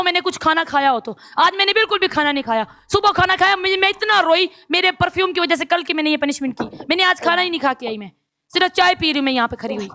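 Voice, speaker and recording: A woman's voice: very high-pitched, pushed and bright. A woman on a live phone stream, ranting indignantly and switching between languages. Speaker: TikTok live streamer in a match. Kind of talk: heated live-stream chat.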